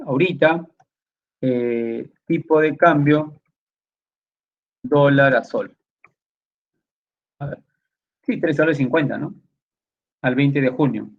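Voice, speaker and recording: A man teaches a recorded spreadsheet class in a voice pitched a little high. He explains lively, often voicing his students' questions before answering them. The sound is dull and lo-fi, from a computer mic.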